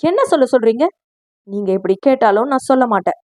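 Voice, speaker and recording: Jittery stubborn young guy, voice dropped low, a lady reader doing him. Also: steady tone, measured pace, no room sound, clean studio sound, lightly acted. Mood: defiant. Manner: low, nervous denials. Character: scared, stubborn young man hiding a secret.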